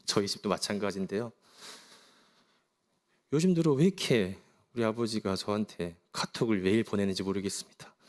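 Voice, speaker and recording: Middle-aged pastor, soft reflective sermon voice, slightly low. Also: male voice, brisk, long pauses. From South Korea.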